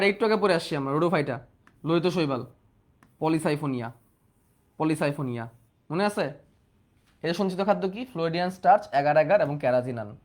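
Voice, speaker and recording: A young man teaching a biology exam-prep class, repeating questions and prompting students to answer. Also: a little high. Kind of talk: online exam-prep lecture.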